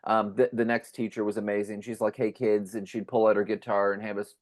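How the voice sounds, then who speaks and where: A man's voice: lowish voice, flat delivery, fast talker. A man hosting a podcast, chatting casually and rambling with eager restarts. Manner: rambling, restarts, enthusiastic fan talk. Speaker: podcast host. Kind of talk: casual chat.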